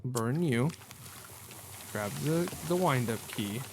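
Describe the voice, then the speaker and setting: With game ambience and noise in the background, a man narrates a let's-play video slowly in a mid-range, animated voice. His commentary is casual, wry and full of jokes as he reasons out loud.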